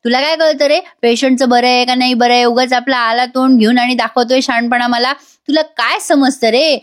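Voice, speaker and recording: A woman's voice: high-pitched, steady tone, moderate pace, dry recording, studio quality, natural voice. A woman voicing an arrogant male hospital in-charge who scolds and orders people around. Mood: scolding. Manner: scolding, domineering.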